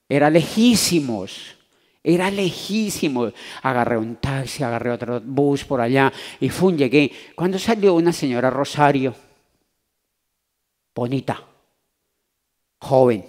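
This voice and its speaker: A man from Latin America telling an animated personal story to a convention audience, acting out the voices in it. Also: fairly high pitch, measured pace, long pauses. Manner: animated, acts out voices in his anecdotes. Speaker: motivational speaker. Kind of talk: storytelling talk to a live audience. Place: convention hall.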